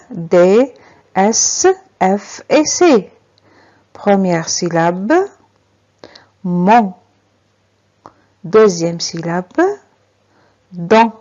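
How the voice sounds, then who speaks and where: Very slow, lively woman teacher spelling syllables. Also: fairly low pitch. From Algeria. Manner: spells out letters and syllables, repeats each word. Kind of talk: reading lesson for beginners. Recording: slightly dull lo-fi recording.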